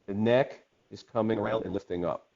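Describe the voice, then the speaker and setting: A man's voice: lowish voice, a little fast, gravelly, a little mellow. A man teaching an online webinar in a conversational way, often checking in with "okay?". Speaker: instructor. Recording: dull lo-fi webinar audio.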